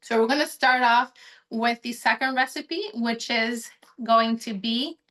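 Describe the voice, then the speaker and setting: A woman from Honduras, her voice on the high side, a little slow and a bit bright, leads an online cooking demonstration. She instructs in a friendly, explanatory way, talking while she chops and prepares food.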